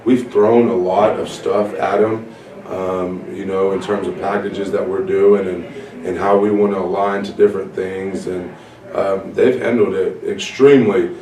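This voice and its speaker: A hoarse man whose voice is nearly gone, a defensive coordinator, talks in a measured way in an interview, with many fillers. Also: low-pitched, steady tone. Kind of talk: casual interview. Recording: echoey and distant with crowd noise.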